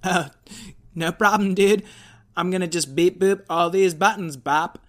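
A man's voice: high-pitched, fairly even intonation, a little slow, background noise, pitched above the performer's own voice. A man voicing a laid-back, mopey young robot who talks in a hesitant slacker drawl for a children's story. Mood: casual, sheepish. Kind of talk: character voice in a children's audio story.

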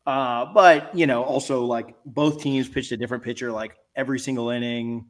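A middle-aged man chats casually as a podcast co-host. He rambles in a laid-back, hesitant way, with an ordinary mid-pitched voice. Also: steady tone, moderate pace. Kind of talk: casual chat.

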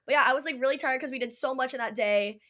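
A woman's voice: high voice, rapid-fire, fairly bright tone. A young adult woman chatting casually as a podcast guest, bubbly and full of fillers like "like". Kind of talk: casual chat.

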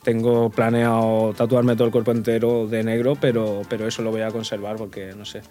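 A man in his twenties from Portugal, a podcast guest chatting casually and relaxed, laughing often and trailing off softly. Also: on the low side, fairly quick, soft background music. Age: 20s. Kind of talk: casual chat.

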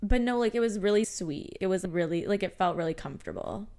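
A young woman co-hosting a podcast, telling a personal story in casual chat, full of "like" and quick laughs. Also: mid-range voice. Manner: chatty, animated storytelling with frequent "like" and laughs. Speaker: podcast co-host.

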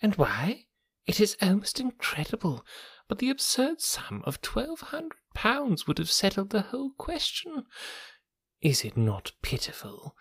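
A man voicing a smug, oily gentleman blackmailer in a soft, breathy, half-whispered purr, silky and mocking. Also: high-pitched, huge pitch swings, a little slow, dry recording, clean studio sound, voice pushed up, full character voice. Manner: silky and mocking, lingering on words. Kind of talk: audiobook character reading.

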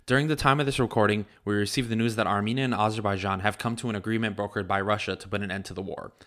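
A man's voice: on the low side, fairly even intonation, fairly bright tone. A man reading a grave, solemn announcement at the start of a podcast. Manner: grave, measured.

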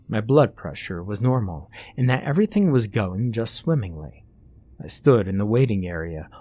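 Low-voiced man narrating a horror story. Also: darkish tone. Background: faint music.

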